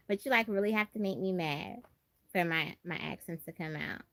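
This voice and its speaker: This woman's lower-pitched, fairly bright voice moves at a moderate pace with lively intonation, and there's no echo. Hosting a livestream, the Brooklyn, New York native chats casually and expressively, repeating phrases for emphasis, her American accent carrying a country Southern tinge.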